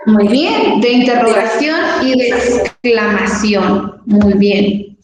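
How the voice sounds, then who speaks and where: A woman teacher walks through a textbook lesson at an unhurried pace, pausing to ask rhetorical questions. Her slightly high voice carries a heavy echo and long reverb, with a faint hiss underneath. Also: darkish tone. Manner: patient, explanatory, asks rhetorical questions. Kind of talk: classroom lesson reading from a textbook. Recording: echoey room with long reverb and faint noise.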